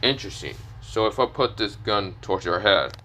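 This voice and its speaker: Menacing gray-haired pirate vice captain, calm threat, read by a man. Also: lowish voice, moderate pace.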